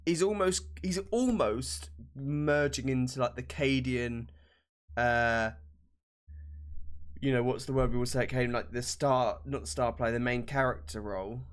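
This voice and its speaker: Swearing, chatty podcast host. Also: male voice, medium pitch, measured pace. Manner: banter-heavy, swears freely, mocks with put-on voices. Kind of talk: casual chat.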